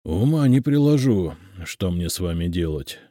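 A fussy, self-important school director, as an audiobook reader puts him on, declaiming loudly and fretting over every phrase in a raised, lively voice. The tone is dark and the room is dry, with faint music underneath. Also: male voice, low-pitched, unhurried, no echo, heavily acted. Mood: fretful. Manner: loud, declamatory, fretful. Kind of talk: audiobook character reading.

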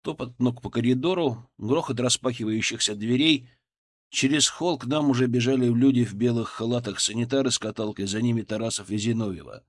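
An audiobook narrator with a brisk, mid-range voice reads a scripted first-person story. His storytelling is dramatic and tense.

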